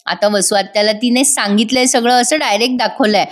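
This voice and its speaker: A woman's voice: a little high, fairly quick. A woman with a Marathi accent narrating a voice-over recap of a TV serial, retelling the scenes and acting out the characters' lines. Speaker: TV serial reviewer.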